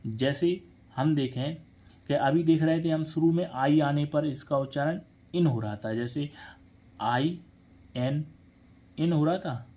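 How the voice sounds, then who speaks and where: A man's voice: on the high side, slow, pauses often, dark tone. A man teaching English pronunciation. He talks patiently, repeats each word and spells it out letter by letter. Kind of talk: spelling lesson, letters read out slowly.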